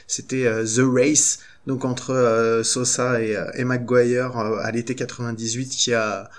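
A man co-hosting a baseball podcast in a chatty, rambling way, with many hesitations. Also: mid-range voice. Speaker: podcast co-host. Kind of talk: casual chat.

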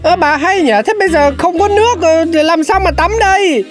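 A woman's voice: extremely high pitch, a little fast, faint music behind. A woman voicing a grumbling, stubborn middle-aged dad in a cartoon, complaining in an exasperated way. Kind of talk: cartoon voice acting.

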